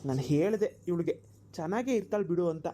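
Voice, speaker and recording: A woman voices a grown village son in a cartoon who talks his worried mother down. He explains patiently and reassuringly, in a mellow, dark tone. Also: on the low side, lively intonation, a little fast, lightly acted. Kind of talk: cartoon voice acting.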